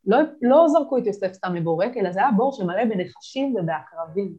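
A woman business coach, a guest on a podcast, gives energetic motivational advice with lively emphasis. Her voice is medium-pitched, and the recording has the highs cut off.

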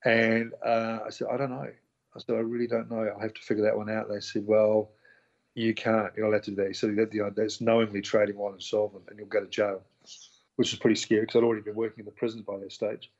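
Fast-talking New Zealand man. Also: on the low side, muffled recording. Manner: animated, acts out quoted dialogue. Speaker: interview guest. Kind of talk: casual storytelling.

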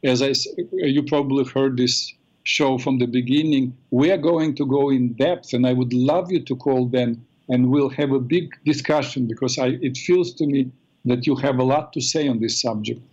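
A man hosting a call-in radio show in a smooth, calm and measured way, heard through a radio broadcast. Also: medium pitch. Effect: radio broadcast sound. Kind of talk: smooth radio host talk. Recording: dull lo-fi radio sound.

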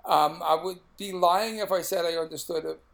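Male podcast co-host, Brooklyn accent, middle-aged, casual talk, raised pitch with plenty of fry. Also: fairly even intonation, normal speed, fairly bright tone. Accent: Brooklyn, New York.

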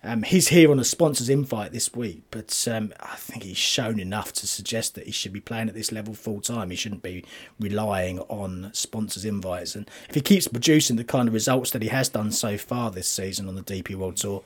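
A man talking through golf form, statistics and betting picks as a commentator, in a conversational, analytical way with a slightly husky voice. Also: lowish voice, moderate pace.

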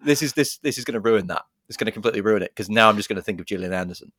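A man's voice: fairly low pitch, very fast, fairly bright tone, no echo, studio quality. A man co-hosting a podcast, chatting casually and jokily about film trailers. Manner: chatty, jokey, reads out plot summaries. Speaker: podcast co-host.

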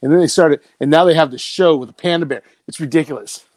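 Podcast regular, man, slightly high voice, giggly storyteller, dry sound. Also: quick pace, darkish tone, no room sound. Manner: chatty storyteller who laughs often. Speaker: podcast co-host. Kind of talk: casual chat. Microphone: remote call mic.

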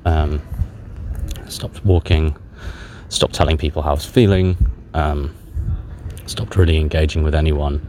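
This is a podcast host confiding into a dictaphone during a walk in the park, outdoor noise around him. His very deep voice stays steady and a little mellow while he speaks in hesitant, self-deprecating fragments, candid yet full of long pauses.

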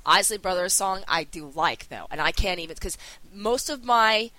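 A woman's voice: mid-range voice, expressive, moderate pace, sharp tone, no echo. A woman co-hosting a podcast in casual chat, blunt and outspoken, swearing freely. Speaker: podcast co-host.

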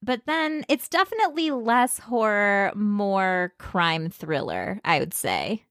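Woman, podcast co-host, slow pace, giggly, joking, dry sound. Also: mid-range voice, sing-song, fairly bright tone, no echo. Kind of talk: casual chat.

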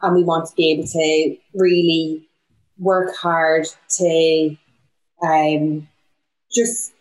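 A young woman from Donegal with a west of Ireland accent talks casually in an interview. Her voice sits on the low side, and she speaks as a small business owner in conversation. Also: flat delivery, slow pace, low-quality recording. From County Donegal, Ireland. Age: young adult.

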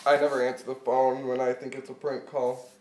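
A woman's voice: a bass voice, level tone, brisk, darkish tone, roomy sound. A young woman on a casual podcast, making dry, blunt remarks. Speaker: podcast co-host. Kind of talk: casual chat.

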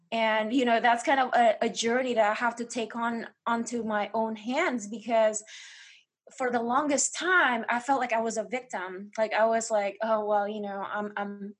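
Earnest breathy woman from Indonesia. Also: on the high side. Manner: earnest, with frequent restarts and fillers. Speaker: guest. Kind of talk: candid interview conversation.

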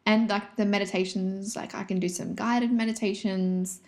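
A woman with a squeaky, chipmunk-like voice, chatting casually and informally with lots of "like". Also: steady tone, normal speed, darkish tone. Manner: informal, frequent "like". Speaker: yoga and meditation teacher. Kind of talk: casual chat.

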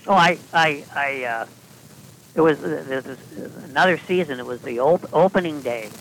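A man, a podcast guest, telling long anecdotes in a deadpan style with dry asides and frequent restarts. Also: a little high, moderate pace, slight background noise, low-quality recording. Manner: deadpan, self-correcting storyteller with dry asides. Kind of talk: casual anecdotal storytelling.

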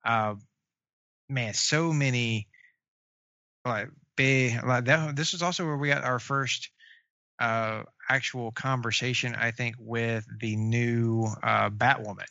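Gravelly bright-voiced guy chatting casually, lots of uhs, dull dry lo-fi audio. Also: medium pitch, steady tone, no room sound. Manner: halting, many fillers and restarts. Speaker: podcast co-host. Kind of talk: casual chat about comic book shows.

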